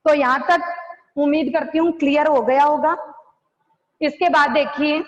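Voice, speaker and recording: A woman's voice: sits high, steady tone, unhurried. A female teacher giving an online class, asking questions and answering them herself. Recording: dull lo-fi sound with long reverb.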